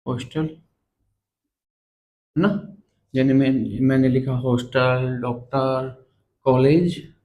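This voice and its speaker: A man teaches a grammar lesson at the blackboard in a mid-pitched voice. He talks slowly and deliberately. He repeats each key word and asks the viewer to say it back. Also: steady tone, highs cut off. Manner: slow, repeats terms and quizzes the viewer. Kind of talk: blackboard lesson explaining letters.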